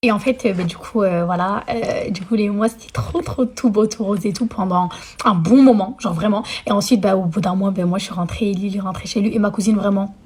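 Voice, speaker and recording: A woman's voice: medium pitch, brisk, a little mellow, breathy edge. A young woman telling a childhood story in a chatty, dramatic way, full of slang and English phrases. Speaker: storyteller vlogger. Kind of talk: casual story time.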